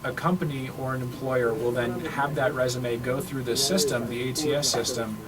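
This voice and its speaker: Brief: male career advisor, patient and explanatory, off-mic, loud crowd noise around him. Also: mid-range voice, steady tone, normal speed, far from the mic, poor audio. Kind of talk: explaining on a radio talk show.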